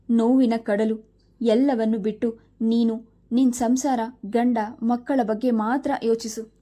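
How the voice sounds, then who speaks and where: A woman slowly narrating an emotional family story in a measured way. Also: a little high, mellow.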